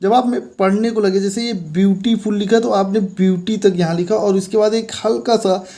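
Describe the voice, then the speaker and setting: A man's voice: sits high, fairly even intonation, moderate pace, dark tone. A man teaching an English grammar lesson, explaining patiently and repeating key words as he points things out on a board.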